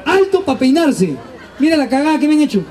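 A man's voice: very high voice, big pitch swings, quick pace, a little mellow, some chatter behind, a little hiss or hum. A man doing a stand-up comedy monologue, telling stories animatedly and acting out his family's voices. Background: audience laughter.

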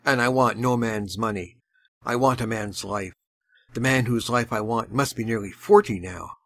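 A man's voice: on the low side, moderate pace, no room sound. A reader voicing a grim young man bent on revenge, speaking sternly.

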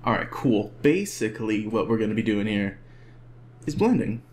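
A man's voice: lowish voice, moderate pace, slight background noise. A man giving a casual photo editing tutorial, chatting and joking to himself as he works through the steps. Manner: relaxed, chatty, jokes to himself while working. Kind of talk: casual screen-recorded tutorial.

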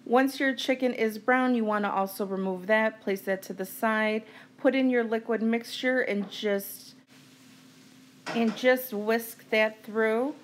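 Here the cooking vlogger's voice is a little high and steady, a bit slow, with some hiss or hum on the recording. She chats in a friendly way from her home kitchen, walking through each step plainly with fillers.

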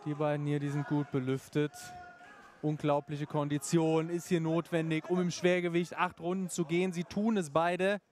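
A man's voice: fairly high pitch, level tone, normal speed, a little mellow. A man giving live boxing commentary in an emphatic, opinionated way.

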